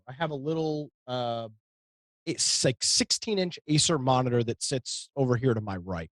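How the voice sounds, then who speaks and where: A medium-pitched male voice, recorded with no echo, belongs to an American man co-hosting a computer talk show. He speaks casually and tells stories with emphatic exasperation.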